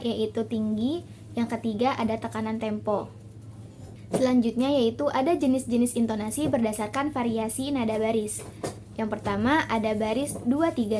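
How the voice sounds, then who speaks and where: A young woman from Indonesia, a university student, reading out a class presentation on Arabic phonetics. She works through numbered lists at a steady pace and slows down for the Arabic examples. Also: fairly high pitch, a little hiss or hum.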